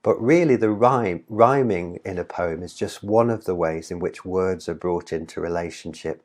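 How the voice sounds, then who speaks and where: A man's voice: low voice, normal speed. A man, a literature professor, giving a recorded introductory lecture, explaining patiently and asking the viewer rhetorical questions with the odd "um". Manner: relaxed with occasional "um" fillers.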